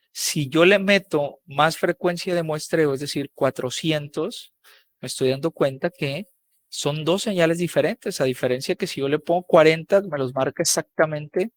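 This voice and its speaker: A man teaching a live online coding lesson, casual and checking in with students often. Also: on the high side.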